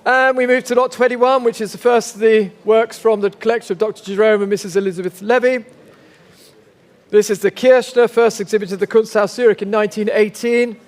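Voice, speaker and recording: Male auctioneer, high voice, formal and courteous, live bid-calling with repeated figures. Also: fairly even intonation, fairly quick. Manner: polite, formal, coaxing bidders. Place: large auction sale room.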